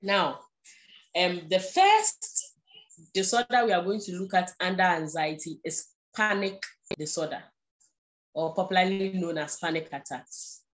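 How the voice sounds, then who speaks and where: On poor audio, a woman whose voice sits on the low side speaks at a measured pace with lively intonation. She's a Ghanaian-accented guest speaker on mental health, English not her first language, giving a patient live stream where she repeats key points and asks "okay?"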